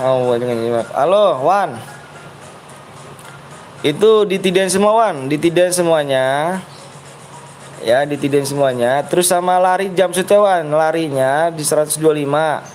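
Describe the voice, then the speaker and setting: A man with a fairly high, slightly mellow voice and a Jakarta Betawi accent streams a custom game room, talking quickly and repetitively to coax other players. Game music plays behind his live stream chat, and the recording is rough.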